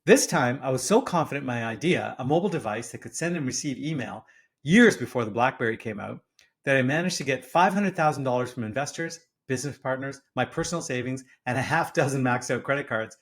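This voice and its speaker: A man's voice: mid-range voice, expressive, fast talker. A man in his fifties hosting a podcast, reading a personal essay aloud in a wry, self-deprecating storytelling manner. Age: 50s. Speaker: podcast host. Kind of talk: scripted personal-essay narration.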